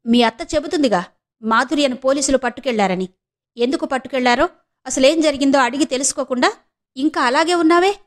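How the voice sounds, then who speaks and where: A woman voicing a stern, proud middle-aged mother who scolds her son with sharp questions. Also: high voice, fairly quick, voice pushed up, natural voice. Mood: scolding.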